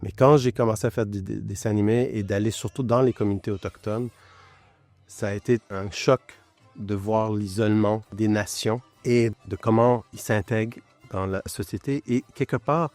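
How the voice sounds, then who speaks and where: Low-voiced middle-aged man. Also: steady tone, moderate pace, darkish tone, no echo. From born in Lebanon, raised in Quebec. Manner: personal, searching, with hesitations. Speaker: multidisciplinary artist and musician. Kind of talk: interview testimony. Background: faint music.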